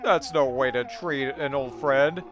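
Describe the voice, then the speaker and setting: A man voicing a friendly old camel, reading the game's dialogue slowly. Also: mid-range voice, lightly acted. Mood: hurt. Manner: slow, drawn-out reading of game dialogue.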